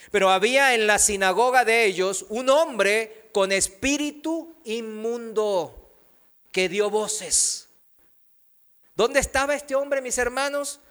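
A man with a high, bright, clear voice preaches in a church. He talks slowly, pausing for emphasis and putting questions to his listeners. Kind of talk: sermon.

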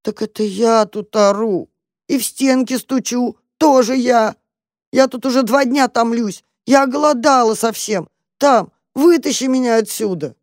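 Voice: medium pitch, measured pace, no room sound, clean studio sound, pitched above the performer's own voice, lightly acted. A storyteller voicing a frightened, starving female cat who whines and pleads in a tearful voice. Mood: whining, pleading.

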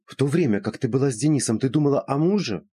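A brisk, skeptical woman friend, teasing and lecturing in a high, lively voice with a husky edge, as a male reader puts her on. The sound is dry and close. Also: no echo.

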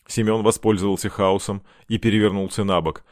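A man reading a novel aloud as audiobook narrator, measured and dramatic. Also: lowish voice, steady tone, darkish tone, dry recording, studio quality. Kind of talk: scripted narration.

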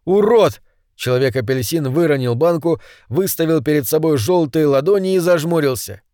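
A man reading a novel aloud in even storytelling narration at a close microphone. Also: fairly high pitch, a little fast, no room sound. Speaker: audiobook narrator. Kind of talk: scripted narration.

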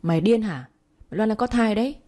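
A woman voicing a stern, angry middle-aged father who shouts and scolds, in a Vietnamese audio story. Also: a little high, expressive, brisk, pitched above the performer's own voice, lightly acted. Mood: angry scolding.

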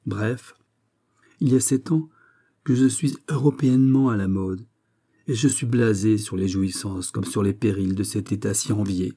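A man's voice: fairly low pitch, normal speed, mellow, lightly acted. A man reading the lines of a passionate young society lady in a story, in a pleading, exalted way. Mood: impassioned. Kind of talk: read-aloud story.

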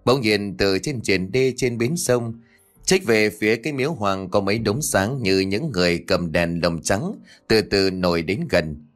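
Một người đàn ông kể truyện ma theo kịch bản, giọng đều và kịch tính. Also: male voice, fairly low pitch. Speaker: storyteller. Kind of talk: scripted ghost story narration. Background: faint music.

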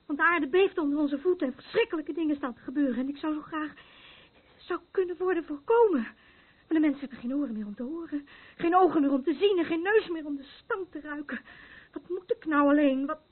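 With a high, lightly acted voice at a fairly quick pace, she plays a fearful, troubled woman in a radio drama, a self-appointed night watcher and doomsayer. She sounds anxious and urgent, rambling earnestly and hauntedly between thoughts. Background noise sits under a muffled, phone-like recording.

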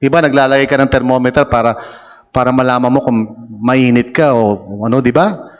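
A pastor preaching a sermon in a church hall, talking in a conversational way, teasing the congregation and asking them questions. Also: male voice, medium pitch, fairly even intonation, fairly quick, clean tone. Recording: long hall reverb.

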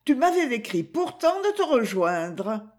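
A woman's voice: fairly high pitch, very animated, a little slow, pitched above the performer's own voice. A woman voicing a cheerful, affectionate young Parisian woman in an audiobook, speaking in a raised, eager way. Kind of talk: audiobook character voice.

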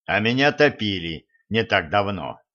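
A man voicing a sharp-tongued immortal male sorcerer who talks in a snappish, commanding way. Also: on the low side, big pitch swings, a little slow, dull audio. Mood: irritated.

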